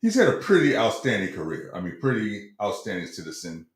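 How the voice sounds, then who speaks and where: A man's voice: lowish voice, wildly swooping pitch, fairly quick. A middle-aged man co-hosting a casual sports talk show, hedging and stumbling over repeated words as he tells stories. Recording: roomy echo.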